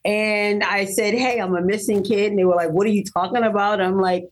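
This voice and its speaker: A woman in her fifties, from Maryland, recounts her life as an interview guest. Her medium-pitched voice is earnest and animated, and she laughs easily between points. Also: fairly quick, low-quality recording. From Baltimore, Maryland, US. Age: 50s. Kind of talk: personal storytelling in an interview.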